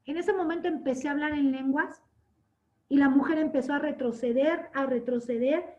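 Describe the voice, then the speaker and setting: High-voiced woman teaching a church class. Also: normal speed. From Latin America. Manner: asks "¿sí?" to check understanding; tells stories with lively acted quotes. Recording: dull lo-fi sound.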